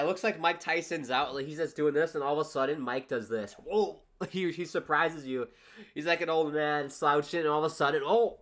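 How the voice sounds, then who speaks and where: A man's voice: a little high, fairly bright tone. A man hosting a livestream, giving casual, wry and exasperated reactions to a boxing match as it plays. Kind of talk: casual live commentary.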